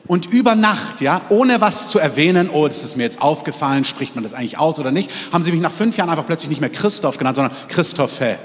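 A man preaching a sermon to his congregation, lively, moving between loud exclamations and quiet, intimate asides. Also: fairly high pitch, fast, few pauses, long reverb tail. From half French, in Germany. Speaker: pastor. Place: church hall.

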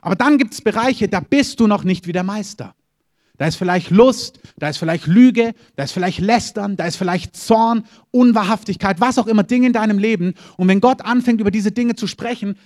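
A man's voice: high voice, darkish tone. A middle-aged man preaching a sermon as pastor, emphatic and repetitive, punctuating his points with calls of "Amen".

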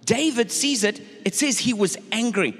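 A man's voice: very high-pitched, normal speed, a bit bright. A man preaching a sermon in short phrases for an interpreter, telling a Bible story and acting out the voices of its figures. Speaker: guest preacher. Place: church hall. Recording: reverberant church hall.

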